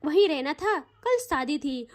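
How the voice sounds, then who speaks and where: A woman's voice: sits high, animated, a little slow. A woman narrating an audio love story in a chatty, informal way.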